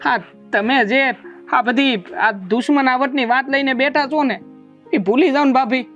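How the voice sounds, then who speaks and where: A performer playing a lovesick young village brother-in-law, pleading and whiny. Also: male voice, very high-pitched, a little slow, fairly bright tone, highs cut off, soft background music.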